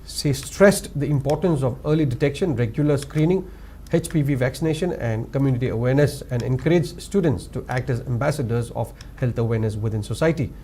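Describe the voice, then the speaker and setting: A man's voice: mid-range voice, mellow, slight background noise. Man reading Manipuri English news. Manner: formal, measured, lifts each story opening. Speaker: news anchor.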